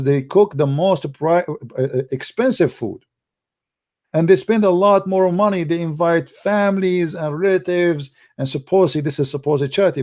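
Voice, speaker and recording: Sarcastic man with a raised voice. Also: fairly high pitch. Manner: sarcastic, animated, laughs mockingly; broken English grammar. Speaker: online commentator. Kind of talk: ranting monologue.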